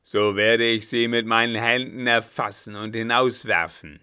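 A man's voice: fairly even intonation, a little slow, smooth. A man reading a German story aloud, voicing a blustering, domineering old captain who roars his threats. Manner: booming, shouted outbursts.

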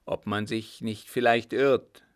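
A man voicing a sly, unhurried coachman who talks in a stubborn, mocking drawl. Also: lowish voice, fairly even intonation. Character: sly, unhurried old coachman, proud dog owner.

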